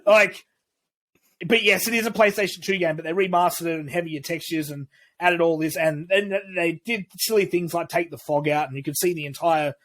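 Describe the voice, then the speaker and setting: Co-hosting a casual podcast, this man rambles through his opinions, often restarting sentences and swearing cheerfully. His voice sits on the high side, a bit bright, at a moderate pace.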